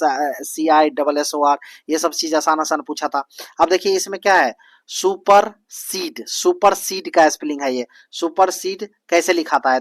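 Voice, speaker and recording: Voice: medium pitch, no room sound. A coaching teacher lecturing on spelling, spelling words out letter by letter, repeating them and asking rhetorical questions. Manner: repetitive, drilling tone.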